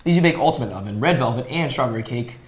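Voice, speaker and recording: A man's voice: medium pitch, animated, racing, roomy sound. A man co-hosting a casual livestream, joking playfully while taste-testing food at home. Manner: playful, jokey. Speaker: co-host.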